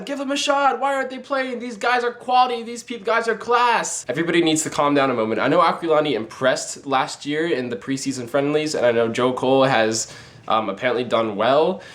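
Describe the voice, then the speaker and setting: A young man hosting his own sports video channel, arguing his opinions in a quick, emphatic way. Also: mid-range voice. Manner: emphatic, fast-talking, argumentative. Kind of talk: opinionated sports commentary vlog.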